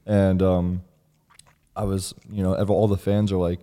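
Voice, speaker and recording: A man's voice: low-pitched, little pitch movement, measured pace, mellow. A man hosting a casual podcast chat in a studio, joking around in laid-back banter with his guest. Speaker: podcast host.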